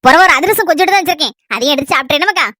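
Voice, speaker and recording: A woman's voice: sits high, very fast, pushed and bright, dry recording, clean studio sound. A woman voicing a chatty, doting old village grandmother in a comedy skit, with a Kanyakumari Tamil accent and fond, rambling talk. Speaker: grandmother visiting her married granddaughter.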